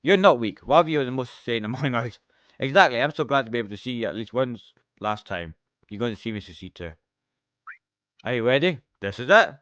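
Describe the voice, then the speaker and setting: Fast-reading Scottish man voicing game dialogue. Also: expressive, a bit bright, smooth, dry recording, highs cut off. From Scotland. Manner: reads every character's lines, shifting pitch between parts. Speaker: let's-play streamer.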